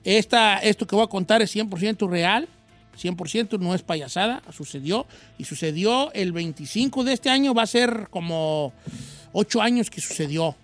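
High bright-voiced man telling a story. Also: moderate pace, faint music behind. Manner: animated slangy storytelling, acts out voices. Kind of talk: casual storytelling chat.

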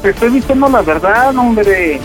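A man's voice: sits high, animated, normal speed, soft background music. A man on a prank phone call, defensively stammering and repeating himself as he denies cheating. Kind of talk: phone argument.

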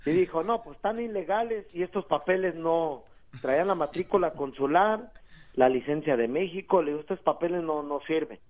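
A man's voice: on the high side, normal speed, darkish tone. A Mexican man with a Mexican accent, calling in to a radio show and telling a long, rambling, slangy story. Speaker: caller. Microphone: telephone. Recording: tinny phone line.

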